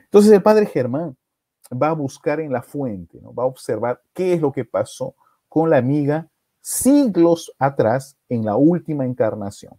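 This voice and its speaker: A man's voice: medium pitch, animated, unhurried, warm tone, dry recording, studio quality. A man hosting a live stream, retelling a past-life story dramatically, with many rhetorical tags and restarts, greeting viewers.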